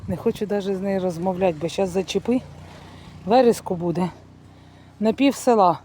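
A woman's voice: mid-range voice, moderate pace, dark tone, a little hiss or hum. A middle-aged woman vlogging casually outdoors in a village garden, chatting homely to the camera as she shows things. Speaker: family vlogger. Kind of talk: casual vlog narration.

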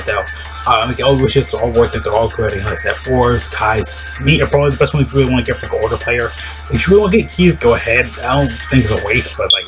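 Filming himself on a webcam in a small room, a young mobile game creator rambles upbeat game tips and repeats himself as he goes. His voice sounds somewhat deep and strained today, and music plays under the whole casual guide.

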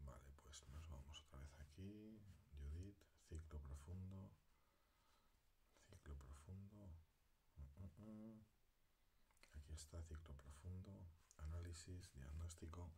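Speaking on a relaxed live stream for his followers, this alternative healer from Spain has a deep, somewhat dark voice. He wanders from thought to thought while fiddling with a device, sometimes muttering almost in a whisper, over a slight hiss or hum.

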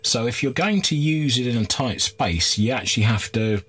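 Inside a small, cluttered workshop, a middle-aged man hosts a radio repair video, offering informal, candid hands-on commentary. His mid-range voice is animated and fairly bright with a breathy edge, and he speaks at a moderate pace.

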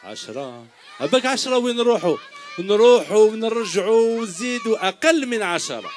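With a noisy background behind him, a middle-aged host with an Algerian Arabic accent speaks in a high, sing-song voice at a fairly quick pace. He runs an outdoor children's show before a big crowd, teasing the kids with quiz questions on a handheld mic and jokingly calling them "my dears."

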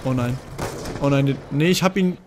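A young man giving live gameplay commentary as a gaming video host, excitable and swinging from mutters to shouts. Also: medium pitch, moderate pace, a little hiss or hum.

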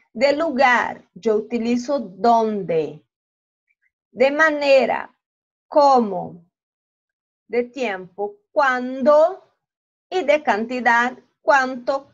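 A woman Spanish teacher giving a slow, patient online review lesson, often checking in with "ok?". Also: a little high, highs cut off. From Brazil.

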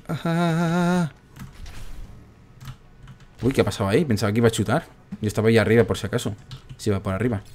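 Guy playing a game and chatting away, gets all worked up, kinda low voice, typing in the background. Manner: chatty, excitable, groans at misses. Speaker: gaming streamer. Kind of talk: casual gameplay commentary.

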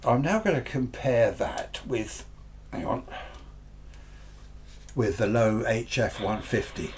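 Speaking slowly yet animatedly in a slightly mellow, medium-pitched voice, an older British presenter, 60 or over, rambles casually while demonstrating radio gear. He works without a script in a small, cluttered radio workshop, often tacking on tag questions.

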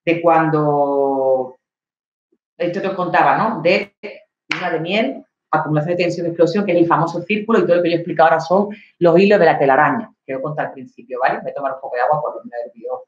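A woman's voice: low voice, quick pace. Nervous woman in a very echoey patio. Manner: lively, acts out scenes, addresses the audience with "¿vale?". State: nervous, coughing. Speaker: speaker at an online talk. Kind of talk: storytelling monologue talk. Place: home patio. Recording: very echoey, distant lo-fi mic.

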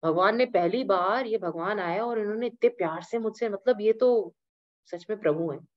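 A woman teaching a scripture class, retelling the story in an animated way with English asides, in a dull lo-fi recording. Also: medium pitch, normal speed.

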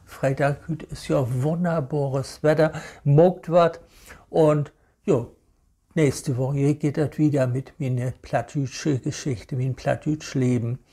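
A man with a Hamburg Low German accent, talking in a casual, rambling monologue and sounding indignant. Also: steady tone, takes it slowly, mellow. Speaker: vlogger.

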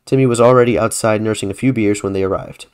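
A man's voice: lowish voice, steady tone, quick pace, a little mellow, clear, resonant tone. A man hosting a podcast who reads his own horror story aloud in a casual way, often correcting himself. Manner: casual, self-correcting reading. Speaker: podcast host.

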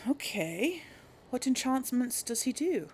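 Playing a game for her video, a woman gives casual let's play commentary, musing and thinking aloud. Her high voice is very animated yet unhurried and a little mellow, with slight background noise.

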